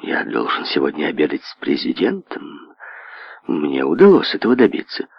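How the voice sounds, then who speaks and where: A man reading an audiobook, dropping his voice low and hushed to play an indulgent, evasive rich tycoon who placates his daughter. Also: huge pitch swings, normal speed, creaky, no room sound, exaggerated voice. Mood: placating. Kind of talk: audiobook character voice. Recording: dull lo-fi audio.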